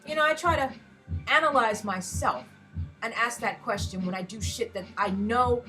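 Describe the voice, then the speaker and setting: A woman's voice: a little high, normal speed, sharp tone, soft background music. An American woman in a casual personal rant, speaking frankly with heavy swearing and emphatic rhetorical questions. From United States. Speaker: vlogger, self-described erotic artist.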